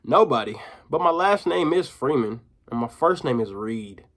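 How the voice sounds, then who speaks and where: A man playing a gruff, sulky young boy, slow and grumbling, sometimes slower and lower, storybook read-aloud with just a light touch of character. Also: expressive, a bit bright. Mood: complaining. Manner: sullen and grumbling.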